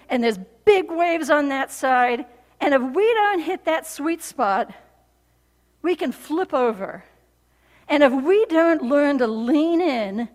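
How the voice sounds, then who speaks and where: Brief: woman pastor, high voice, chatty storytelling sermon, long hall reverb. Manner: storytelling, animated and conversational, with frequent fillers.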